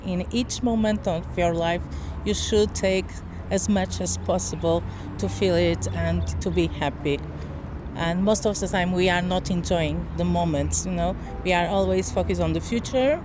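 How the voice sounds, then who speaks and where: Portuguese woman in her fifties, street interview. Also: lowish voice. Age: 50s. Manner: thoughtful, halting, searches for words. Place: outdoors in a city. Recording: street noise, outdoors.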